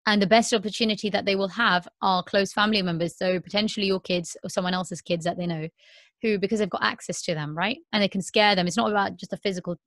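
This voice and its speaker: A woman's voice: mid-range voice, fairly even intonation, fast talker, fairly bright tone, no echo, studio quality. A woman in her thirties hosting a candid podcast, talking earnestly with many repeats and "um"s. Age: 30s. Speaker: podcast host.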